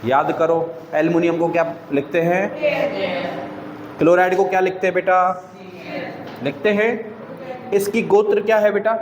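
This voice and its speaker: Male teacher, high pitch, quizzes class nonstop; long reverb in the room. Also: steady tone, normal speed, long pauses, a crowd in the background. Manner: quizzes students with repeated questions, calls them beta.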